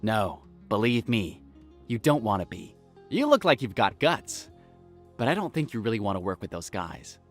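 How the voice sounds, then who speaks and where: A man's voice: lowish voice, very animated, normal speed, soft background music. An actor playing a cocky, hostile handyman in a video game, brash, boastful and confrontational. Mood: warning. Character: cocky, hostile man, arcade-loving handyman.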